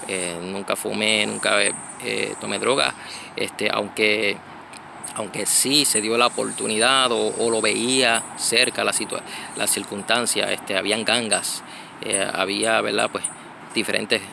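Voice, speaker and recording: This low, gravelly-voiced man from Connecticut, USA, speaks a little slowly with flat delivery. He's a church brother giving a loose, casual reflection outside, full of fillers and frequent restarts, while insects and traffic sound clearly in the background.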